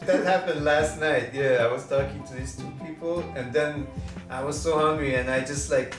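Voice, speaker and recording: An Iranian man appears as a guest comedian on a podcast, chatting in a laid-back, self-deprecating way with lots of "like" and "right?". His voice is on the high side at a moderate pace, with loud music behind it, captured by a roomy, distant mic set away from him.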